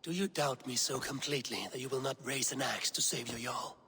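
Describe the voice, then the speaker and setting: An actor playing a stern, blunt Viking warrior leader in a video game, terse and commanding. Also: male voice, mid-range voice, fairly quick, bright, forceful tone, slightly rough, big-room sound, exaggerated voice.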